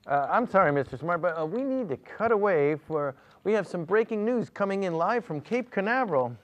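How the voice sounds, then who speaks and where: A man playing a TV news anchor in a parody newscast, halting and stammering in his delivery. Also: high-pitched, animated. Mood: flustered, then excited reporting. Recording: slightly dull, lo-fi audio.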